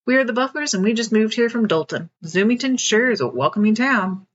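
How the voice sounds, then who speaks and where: A woman's voice: on the high side, animated, brisk, lo-fi sound, pitched above the performer's own voice. A woman doing a friendly new-neighbor dad. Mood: welcoming. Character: friendly father of the new family.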